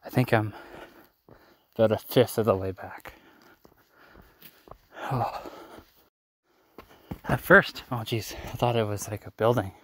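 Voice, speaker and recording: A man's voice: on the low side, steady tone, slow pace, pauses often, a bit bright. A young Canadian man vlogging on a phone while walking a desert trail at night, rambling and mocking himself, tired from the hike. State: tired, a bit out of breath from hiking. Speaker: travel vlogger. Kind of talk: casual night hike vlog. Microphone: phone held while walking.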